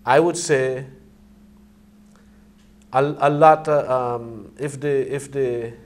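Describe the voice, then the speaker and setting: A man's voice: medium pitch, flat delivery, slow pace. Middle-aged man talking in Rasta speech. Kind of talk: casual Rastafari reasoning discussion.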